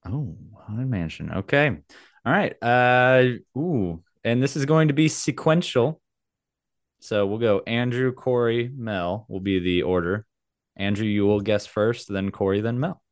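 A man hosting a casual game, explaining the rules in a playful, theatrical way with dramatic pauses. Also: mid-range voice, no echo, studio quality. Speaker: game show host.

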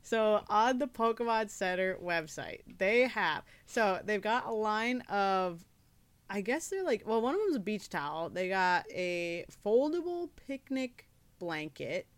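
A woman's voice: mid-range voice, very animated, a little slow, no echo. A young woman co-hosting a podcast, chatting casually and teasing her co-host. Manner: teasing, playful. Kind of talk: casual chat.

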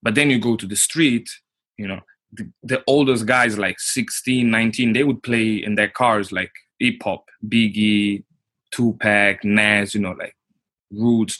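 Husky low-voiced man. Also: fairly bright tone, no room sound. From Portugal. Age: 30s. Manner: halting, restarts often, many "you know, like". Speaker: guest. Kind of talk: casual interview.

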